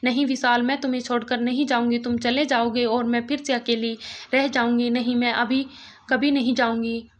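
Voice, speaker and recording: A woman voicing a frightened, grieving young woman in a spoken storybook, pleading in halting repeated words. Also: a little high, little pitch movement, natural voice.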